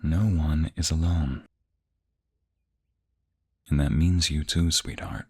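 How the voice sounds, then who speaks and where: A man playing a tender, reassuring boyfriend in a soft, gentle, soothing ASMR ASMR role-play, with a low, breathy, gravelly voice. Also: fairly even intonation, takes it slowly, full character voice. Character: tender, reassuring boyfriend comforting his crying partner.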